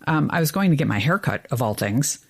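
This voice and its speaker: Animated woman telling a story. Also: brisk, gravelly, slightly rough. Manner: animated storyteller, rises in pitch when exasperated. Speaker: podcast co-host. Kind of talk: casual chat.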